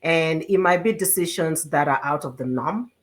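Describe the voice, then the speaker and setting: A woman's voice: deep voice, normal speed. A woman hosting a casual interview, talking in an encouraging, conversational way. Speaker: host.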